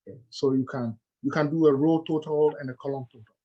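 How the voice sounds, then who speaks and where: A man's voice: on the high side, steady tone, fast talker, muffled recording. A middle-aged man with a Ghanaian accent gives a lecture-style presentation, explaining step by step with frequent "uh"s and "okay"s.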